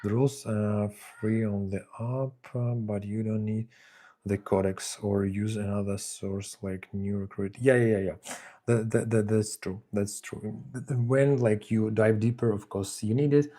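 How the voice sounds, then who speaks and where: A man from Ukraine with halting English and many fillers, chatting casually on a live painting stream. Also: fairly low pitch, steady tone, mellow. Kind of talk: live-stream hobby chat. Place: home hobby desk.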